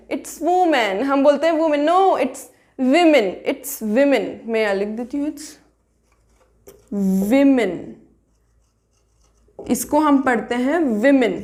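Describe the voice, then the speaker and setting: A woman with an Indian accent giving a casual pronunciation lesson, mixing Hindi and English and slowly repeating each word as a drill. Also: sits high. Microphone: writes on a board while talking.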